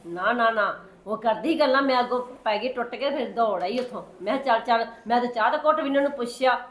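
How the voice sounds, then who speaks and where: Woman acting as a sly neighbour, Punjabi accent, fast talk, slightly high voice, protests a lot. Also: close to an everyday voice. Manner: quick, protesting, repeats denials. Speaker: neighbour Sukhwinder. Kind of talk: Punjabi short-film acting.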